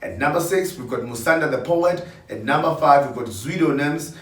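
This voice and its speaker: A man's voice: a little high, moderate pace, fairly bright tone. A man presenting award nominees in a countdown with an upbeat, hype-style pep talk. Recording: roomy, distant mic.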